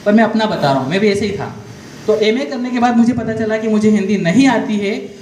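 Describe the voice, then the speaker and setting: Giving a motivational career guidance talk to a class of students, a man speaks briskly in a high-pitched, slightly mellow voice. He often turns questions directly on the class while telling stories and explaining step by step. Faint noise and echo are audible in the room.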